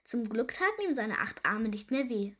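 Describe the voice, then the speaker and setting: Young woman, storyteller, children's story, lively narration, slightly high voice. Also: normal speed.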